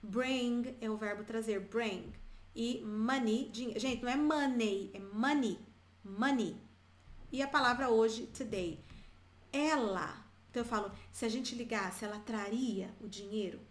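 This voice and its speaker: A Brazilian woman teaching English to viewers, chatty and repeating example phrases slowly for learners. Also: a little high, steady tone, echoey room. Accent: Brazilian Portuguese. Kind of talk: bilingual English lesson, addressing viewers.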